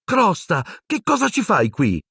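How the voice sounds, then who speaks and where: A flustered, excitable teenage boy from an audiobook, acted by a man with a raised voice. He blurts out his lines in agitated exclamations. The sound is dry and close. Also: sits high, measured pace, creaky, breathy edge, no room sound, voice pushed up, heavily acted.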